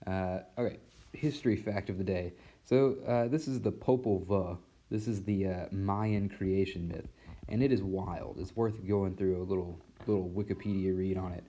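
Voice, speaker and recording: A man with a deep, dark, mellow voice talks through a casual recorded mini-lesson. He teaches physics and rambles easily, filling pauses with "uh" and "like." It sounds like it was recorded on a tablet's built-in mic. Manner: relaxed, rambling, many fillers.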